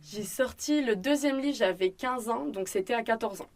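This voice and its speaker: Speaking at a moderate pace in a slightly high voice, this young French-accented woman recounts her story in a casual interview, with slight background noise. She's a restaurant owner and student guest who chats with lots of fillers and plays out bits of dialogue.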